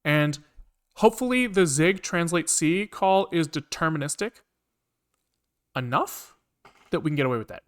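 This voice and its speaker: Talking himself through code on a livestream, this man rambles, mutters repeated words and drops casual profanity. His fairly high voice is animated, moving at normal speed with frequent pauses.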